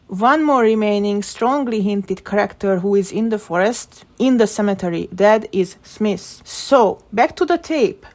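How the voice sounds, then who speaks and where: A woman video creator with a medium-pitched, darkish voice analyses a game's story. Her commentary is casual, speculative and opinionated as she works through her theories on the fly.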